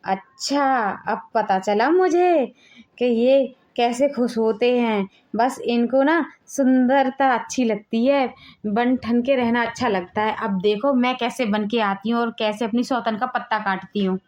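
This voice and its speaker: A woman's voice: fairly high pitch, measured pace, a little mellow, close to an everyday voice. A woman playing a jealous, plaintive first wife. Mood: scheming. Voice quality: plaintive, complaining. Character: jealous first wife, scheming then hurt. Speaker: first wife in a family skit. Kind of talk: amateur family skit acting.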